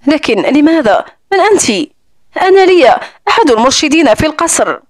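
A woman reading the part of a gentle young female guide, soft-spoken and anxious. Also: high-pitched, very animated, fairly quick, dry recording, studio quality. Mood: flustered.

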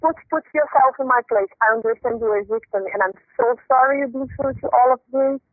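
A woman's voice: sits high, fairly quick, dry recording. A woman with a Brazilian accent, a fraud call agent on a phone call, flustered and apologetic, repeating herself. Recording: tinny phone line, dry.

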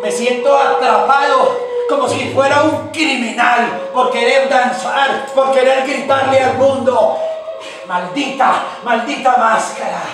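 An actor with a Colombian accent playing an anguished man tormented by his mask in confinement, in a declamatory theatrical monologue with stretched pauses. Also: very high-pitched, heavy background noise. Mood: bitter longing. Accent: Colombian Spanish. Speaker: stage actor. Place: theater stage. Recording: echoey live stage, far mic, loud music.

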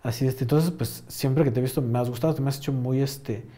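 A man's voice: mid-range voice, fast talker, warm tone. A young man with a Mexican accent telling a rambling, slang-filled story in casual chat, full of fillers. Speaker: podcast host.

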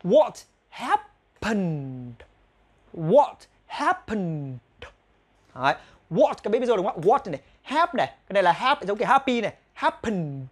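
A man with a Vietnamese accent teaching English pronunciation, repeating English phrases slowly between explanations. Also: high-pitched, very animated. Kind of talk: pronunciation lesson.

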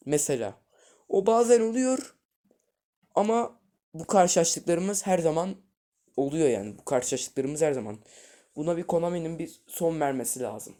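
A man hosting a gaming video, giving live commentary that jumps from loud outbursts to quiet muttering while talking straight to his viewers as friends. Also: a little high.

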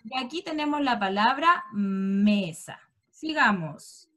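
A woman's voice: on the high side, animated, slow pace, fairly bright tone. A woman, patiently teaching an online class for young children and prompting them with questions. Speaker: first-grade teacher.

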